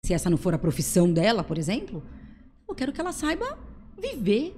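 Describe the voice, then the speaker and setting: Brazilian woman, middle-aged OT guest, rapid didactic delivery, warm low tone. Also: huge pitch swings, a little hiss or hum. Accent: Brazilian Portuguese. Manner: explains step by step with simple examples. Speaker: occupational therapist guest. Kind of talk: casual podcast interview. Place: clinic room.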